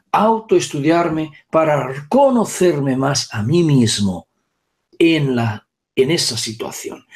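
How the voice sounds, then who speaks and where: Slow, emphatic male spiritual teacher. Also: fairly high pitch, a little mellow. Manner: emphatic, checks in with the listener often. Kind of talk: teaching session with a reader.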